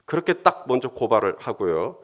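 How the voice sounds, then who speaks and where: A male pastor preaching in a casual, conversational way. His voice swings widely in pitch and becomes more heated when he voices prayers. He sits at an ordinary pitch for a man. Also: sing-song, brisk, a bit bright. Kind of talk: sermon.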